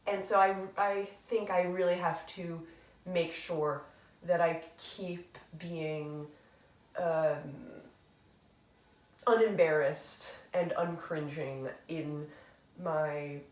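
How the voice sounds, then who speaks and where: Answering a tag on her book channel, a woman with a fairly low voice chats in a relaxed, reflective way, filling her rambling with fillers and self-deprecating humor. The recording has roomy echo, with her voice held away from the distant mic.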